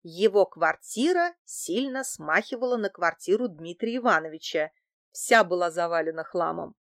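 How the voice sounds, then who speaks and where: A woman's voice: on the low side, lively intonation, moderate pace, a bit bright, no room sound. Woman reading a story aloud, dry sound. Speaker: audiobook narrator. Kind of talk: first-person audiobook narration.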